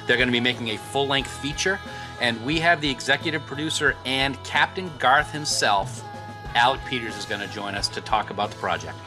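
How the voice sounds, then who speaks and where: A man's voice: mid-range voice, fairly quick, over music. A man co-hosting a podcast, chatting casually and joking around. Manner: joking, playful, laughs often. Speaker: podcast co-host.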